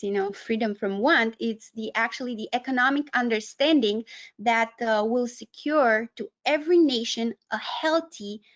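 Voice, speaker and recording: Presenting an educational webinar, this human rights advocate speaks in a slightly high voice with a Romanian accent. Her explanations come out in a halting way, broken by frequent pauses partway through sentences.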